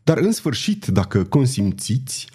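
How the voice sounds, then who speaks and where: A man's voice: mid-range voice, very animated, warm tone, husky. A man reading the part of a blunt, hot-tempered army captain who swears emphatically. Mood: eager.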